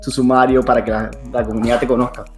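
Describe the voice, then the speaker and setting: A man hosts a podcast interview in a loose, conversational manner. He repeats himself and mixes English terms into his talk. His voice is mid-pitched, with faint music in the background. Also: little pitch movement, quick pace, darkish tone. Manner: rambling, repeats words, mixes in English phrases. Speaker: podcast host. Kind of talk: casual interview hosting.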